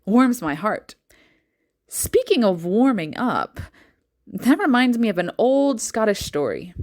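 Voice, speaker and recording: A woman voicing a kindly old grandfather who gently tells bedtime stories. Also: on the high side, big pitch swings, slow, full character voice. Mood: warm. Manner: gentle, fond storytelling.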